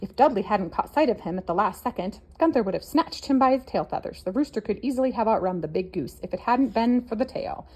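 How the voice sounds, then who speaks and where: A woman reading a children's picture book aloud, expressive and animated. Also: fast, hardly any pauses. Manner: expressive, with wide swings in pitch. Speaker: storybook reader.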